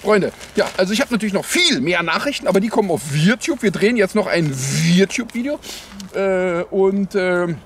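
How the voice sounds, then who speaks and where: A man's voice: high voice, lively intonation, fairly quick, slight background noise. A man as a parody news anchor, improvising satirical headline commentary in a mock-naive, sarcastic, rambling way. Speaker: host of a satirical news show. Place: outdoors in the cold.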